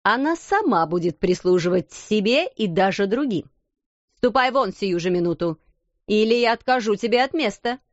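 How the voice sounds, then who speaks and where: A woman's voice: fairly high pitch, expressive, unhurried, dry recording. A woman reading aloud, voicing a stern, greedy schoolmistress who barks harsh commands, on a dull, dry recording. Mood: furious.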